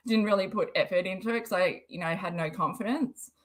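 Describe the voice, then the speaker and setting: A woman's voice: medium pitch, moderate pace. Australian woman, livestream host, sarcastic casual commentator. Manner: chatty, sarcastic, laughs often.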